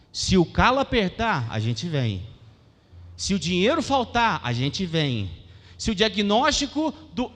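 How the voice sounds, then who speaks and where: A young Brazilian man preaching a sermon as pastor, animated and questioning the congregation. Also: sits high. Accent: Brazilian Portuguese. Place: church hall. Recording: long church hall reverb.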